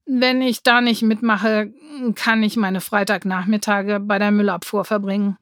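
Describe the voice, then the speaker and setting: A woman voicing a tough, feared schoolboy who speaks quietly and curtly. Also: level tone, moderate pace, dry recording, studio quality, lightly acted. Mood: cool. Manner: quiet, low, curt.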